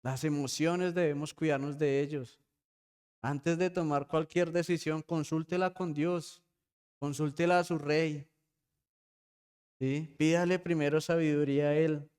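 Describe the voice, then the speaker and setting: A man preaching a sermon in church, often asking his congregation for a quick "yes?" and calling them brothers. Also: on the high side, fairly even intonation, a little mellow, clear, resonant tone. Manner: preaching with frequent rhetorical "¿sí?" checks. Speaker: pastor.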